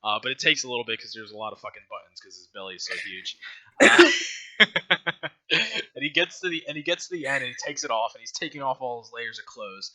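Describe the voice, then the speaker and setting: A man running a tabletop game, rambling loosely and laughing often. His voice is very bright and sharp, and his pitch swings lively up and down. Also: a little fast. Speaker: game master.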